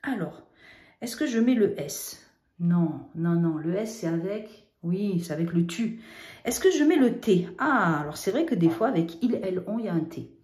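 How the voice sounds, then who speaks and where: Female teacher, patient lesson voice, mellow tone, echoey room, spells out letters, asks and answers her own questions. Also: lowish voice, animated, normal speed. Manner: stresses word endings by spelling them out letter by letter.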